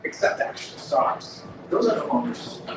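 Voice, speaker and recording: A man giving playful, scripted tour-guide narration, played over a ride loudspeaker. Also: normal speed. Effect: played over an outdoor ride loudspeaker. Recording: echoey distant loudspeaker with ride noise.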